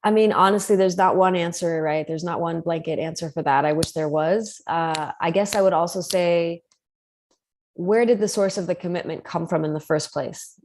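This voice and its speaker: A lowish, darkish female voice at normal speed comes through a video call mic. The woman, a coach, talks earnestly on the live call about commitment, working through her thoughts aloud with many fillers and false starts.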